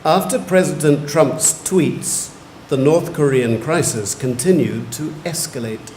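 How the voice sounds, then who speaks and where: A man acting as spelling bee pronouncer, saying each word slowly and carefully, then reading its definition and an example sentence. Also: a little high, a little mellow. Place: large museum hall. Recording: echoey hall, faint room noise.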